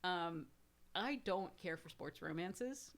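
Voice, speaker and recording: A woman's voice: lowish voice, expressive, slow pace. A woman co-hosting a podcast, giving blunt, laid-back opinions about a book in casual chat. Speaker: podcast co-host.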